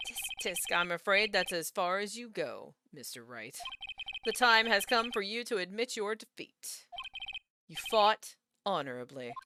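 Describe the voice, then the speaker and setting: A woman's voice: medium pitch, very animated, unhurried, noisy background. A woman voicing a smug, theatrical man on the witness stand in a video game, with pompous, flowery speech. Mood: smug triumph. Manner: pompous, affected.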